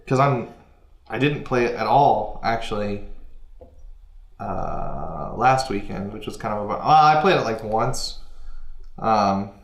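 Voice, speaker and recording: A man's voice: fairly low pitch, lively intonation, a little slow, pauses often. A young man hosting a casual gaming podcast, rambling and hesitant, often trailing off and restarting his sentences. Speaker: podcast host. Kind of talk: casual chat. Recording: echoey room.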